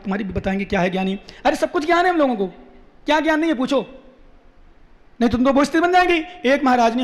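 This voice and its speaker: A man, a monk, giving a quick sermon and often asking the listeners questions. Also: very high voice. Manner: quick-talking, questions the audience, teasing. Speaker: Jain monk. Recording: echoey hall.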